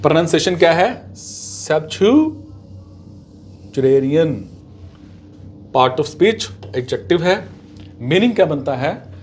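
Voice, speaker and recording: A man teaching vocabulary, speaking slowly and deliberately and repeating words for pronunciation. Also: fairly high pitch, animated, a little hiss or hum. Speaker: English teacher. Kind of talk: vocabulary lesson.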